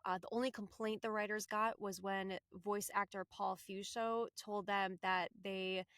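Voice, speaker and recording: A woman's voice: mid-range voice, flat delivery, measured pace, fairly bright tone, clear, resonant tone, no room sound, studio quality. A woman co-hosting a casual podcast, chatting with plenty of fillers as she talks. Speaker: podcast co-host.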